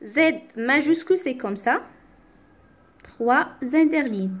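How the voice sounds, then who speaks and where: A woman teacher giving a lesson, reading short sentences aloud and slowly repeating words with careful articulation. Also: sits high, lively intonation. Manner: slow, articulated dictation-like delivery, repeating words. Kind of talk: slow, careful classroom reading and explanation.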